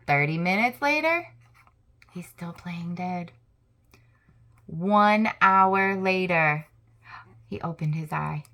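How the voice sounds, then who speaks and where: Reading a kids' picture book aloud, a young woman with a lowish voice stays animated and expressive, chatting with the little ones between lines.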